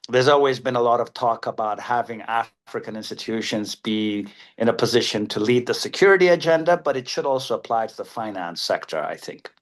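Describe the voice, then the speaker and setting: A man's voice: mid-range voice, expressive, fairly quick. A man speaking as a panelist on an online discussion, thoughtful and hesitant, with lots of "uh" and "you know". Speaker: panelist from a development finance institution.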